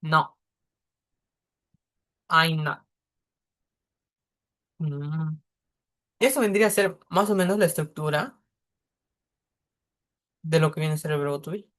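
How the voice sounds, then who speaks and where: A man's voice: a little high, slow pace, long pauses, fairly bright tone. Man teaching a beginner English lesson. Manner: patient, explains step by step.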